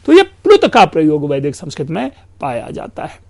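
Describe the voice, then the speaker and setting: A male lecturer with a fairly high, creaky voice patiently explains grammar in a steady, academic lecture, drawing out example sounds and slipping into English phrases now and then. He goes slowly and addresses his students as friends.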